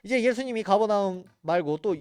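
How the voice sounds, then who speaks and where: A man's voice: high-pitched, animated, fairly quick, a little mellow, clear, resonant tone, dry recording, clean studio sound. A man teaching a church Bible geography class in an earnest, explanatory way. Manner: earnest, explanatory, points at maps and photos.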